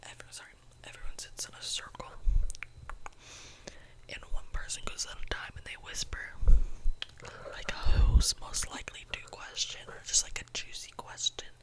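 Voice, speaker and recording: Young adult ASMR creator, fully whispered through cupped hands, breathy and close, lingering on repeated phrases. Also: low-quality recording. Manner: repeats phrases slowly for effect.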